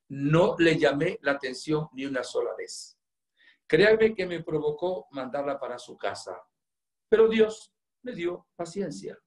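Earnest male priest preaching in a roomy echo. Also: on the high side. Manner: earnest storyteller, swings between loud and hushed. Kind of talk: storytelling sermon.

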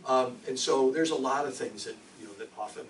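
A man's voice: mid-range voice, brisk. Chatty male science teacher in an echoey room. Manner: chatty and jokey, with frequent ums and rhetorical questions. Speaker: science teacher giving a public lecture. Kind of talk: casual classroom lecture. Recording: roomy echo, distant mic, faint noise.

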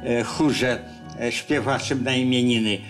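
An older man speaking as a film critic in a relaxed studio conversation, with a slow, hesitant delivery and dry jokes. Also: medium pitch, soft background music. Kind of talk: casual studio talk about a film. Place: studio set with armchairs.

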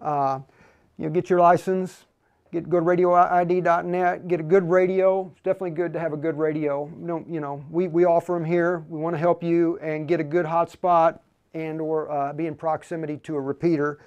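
Guy demoing radio stuff on a lapel mic, kinda high smooth voice, casual chatty. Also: flat delivery, fairly quick, darkish tone, lo-fi sound. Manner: casual, chatty, uses ham radio call-sign talk. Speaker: host and instructor. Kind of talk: live product demo.

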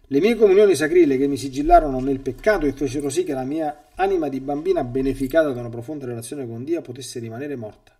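A man's voice: mid-range voice, lively intonation, fast talker, hardly any pauses, mellow, distant mic. A man who is a priest, reading a testimony aloud and commenting on it in an emphatic catechesis sermon, often stammering and repeating words when he speaks freely.

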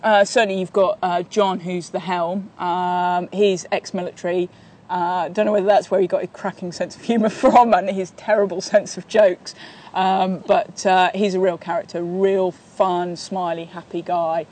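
Flat-toned woman in an outdoor interview. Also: fairly low pitch, moderate pace. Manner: steady, even delivery with many fillers and restarts. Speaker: sailing coach and training partner. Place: outdoors in a sunny park by bushes.

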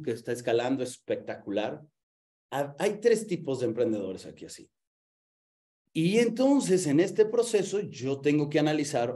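A man hosting a live online business masterclass, energetic, asking the audience questions and acting out stories with sound effects. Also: on the high side.

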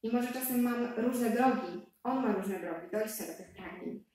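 A woman in her thirties telling a lively personal story to an audience, speaking to them directly between fillers. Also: a little high, moderate pace. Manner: animated, addresses listeners directly, with fillers. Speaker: speaker giving a faith testimony. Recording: very echoey hall sound.

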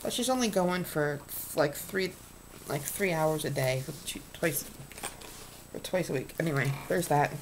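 In a small room, a woman in her thirties chats casually to her desk webcam about things she bought, rambling and restarting with plenty of ums. Her voice sits low and she speaks unhurriedly over some background noise.

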